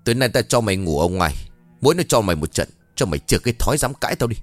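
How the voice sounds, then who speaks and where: A man's voice: lowish voice, sing-song, rapid-fire, dry recording, faint music behind. A man voicing a cruel, foul-mouthed pregnant stepmother who scolds shrilly and snarls threats. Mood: furious.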